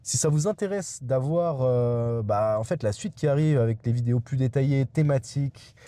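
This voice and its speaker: A man's voice: mid-range voice, normal speed, mellow, dry recording. A young adult man vlogging from inside a car, rambling and digressive, with many hesitations and restarts. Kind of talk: rambling casual monologue.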